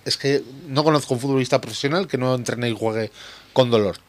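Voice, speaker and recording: A man's voice: medium pitch, fairly quick. A man hosting a casual sports radio debate, blunt and sarcastic in his remarks.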